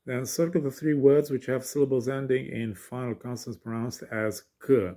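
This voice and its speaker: A man giving an informal language lesson, thinking aloud haltingly as he reads out syllables and works through exercises. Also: mid-range voice, fairly even intonation, mellow.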